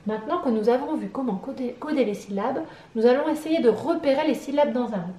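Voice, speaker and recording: A woman with a French accent, teaching syllables to a young child, clapping out each syllable slowly and asking questions. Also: sits high, lively intonation, mellow, reverberant. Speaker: preschool teacher. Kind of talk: slow, sing-song phonics lesson for young children.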